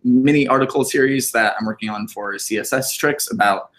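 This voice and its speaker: A man from California hosting a casual team meeting, relaxed and full of fillers. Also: mid-range voice, fairly quick, poor audio. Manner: relaxed, filler-heavy, friendly. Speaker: meeting host.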